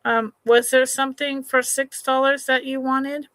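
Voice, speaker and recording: With a high voice and no echo, this woman runs a live-stream sale at an easy, slow pace. She's chatty and affectionate, calling viewers honey and sweetheart, and often lets sentences trail off before starting over.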